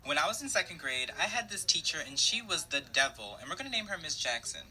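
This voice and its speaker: A man's voice: a little high, sing-song, fast talker, sharp tone, a little hiss or hum, rough recording. A man telling a story from his school days to camera in a sassy, playful way.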